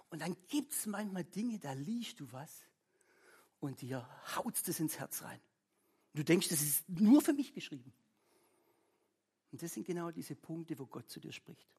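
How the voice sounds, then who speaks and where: Middle-aged preacher, husky tone, casual devotional sermon with scripture reading. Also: medium pitch. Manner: chatty, keeps asking "ja?" of listeners; reads scripture aloud between remarks.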